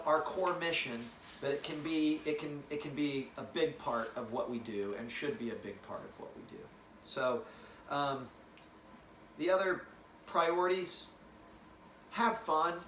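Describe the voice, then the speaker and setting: A man's voice: fairly high pitch, fairly bright tone, slight background noise. A man leading a fellowship, giving an informal, rambling address to an incoming class, with many fillers and restarts. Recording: roomy, distant mic with faint ambience.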